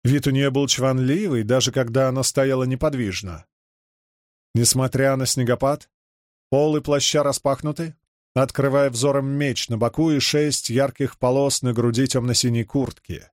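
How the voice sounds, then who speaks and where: A man narrating a fantasy novel in a steady, measured storytelling voice. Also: mid-range voice, no echo, clean studio sound. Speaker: audiobook narrator. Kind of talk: scripted narration.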